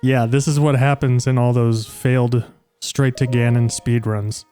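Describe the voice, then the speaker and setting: A man's voice: medium pitch, level tone, unhurried, dark tone, soft background music. A man streaming a video game, chatting casually with crude, joking asides. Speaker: gaming streamer.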